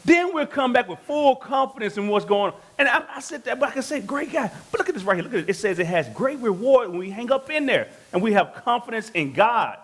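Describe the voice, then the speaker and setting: High-voiced preacher. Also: male voice, lively intonation, fast, few pauses, fairly bright tone. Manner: preaching with calls to the congregation, storytelling. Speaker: pastor. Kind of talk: sermon. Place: church.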